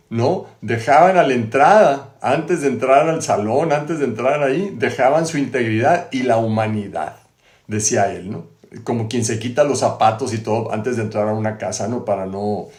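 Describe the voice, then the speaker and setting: A man's voice: medium pitch, darkish tone. Man retelling a story, echoey room. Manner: conversational, frequent tag questions and restarts. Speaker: host. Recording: roomy echo.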